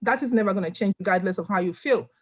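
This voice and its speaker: A woman's voice: mid-range voice, quick pace. Earnest Nigerian-born woman on a video call. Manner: earnest, emphatic, repeats words. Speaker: panelist. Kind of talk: video panel discussion. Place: home room.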